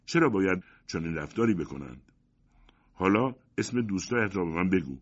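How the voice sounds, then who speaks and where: A man voicing a kindly blind old man who speaks softly and courteously, in a storybook reading. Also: low-pitched, lively intonation. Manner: soft, courteous, consoling. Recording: dull lo-fi audiobook recording.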